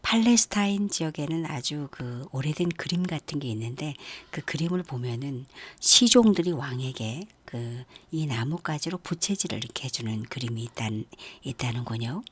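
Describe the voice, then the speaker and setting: Female youth preacher, low and husky, gentle story-led sermon with questions to listeners. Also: animated, normal speed, hardly any pauses, dry recording.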